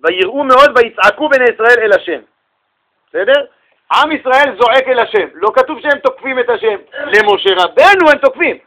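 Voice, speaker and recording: A man with a high voice delivers a lively religious lesson, acting out scenes as he tells them. He swings between loud exclamations and hushed, intimate asides. The sound has the feel of a radio broadcast. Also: low-quality recording. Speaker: rabbi giving a Torah lesson. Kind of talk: lively sermon with storytelling.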